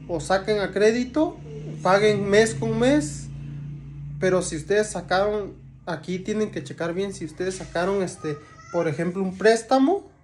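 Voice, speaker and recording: With a Mexican Spanish accent, a young vlogger chats casually to the camera, stumbling through fillers and restarts in a high-pitched voice over slight background noise.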